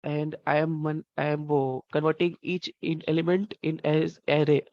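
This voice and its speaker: A man student politely walking his teacher through a program on a video call, with halting explanations. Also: fairly high pitch, level tone, dry recording. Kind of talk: explaining code in online class. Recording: dull video call audio.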